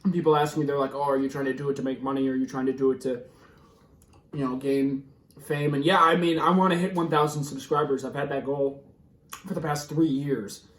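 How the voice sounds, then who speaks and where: Steady and brisk, a mid-range male voice belongs to a YouTube vlogger in his twenties being interviewed. His answers are loose, slangy and meandering as the heat of spicy food sets his mouth burning and his throat tightening. Recorded from far off, it sounds roomy and echoey.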